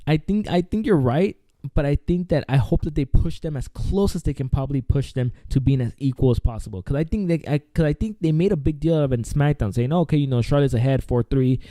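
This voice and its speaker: A young man co-hosting a wrestling podcast talks in a chatty, eager way, often restarting his sentences. His voice is very dark and mellow. It is recorded dry and close on a desk microphone. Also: a little high, fast, few pauses, no echo. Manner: chatty, enthusiastic, repeats words while thinking. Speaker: podcast co-host. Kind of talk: casual wrestling podcast chat.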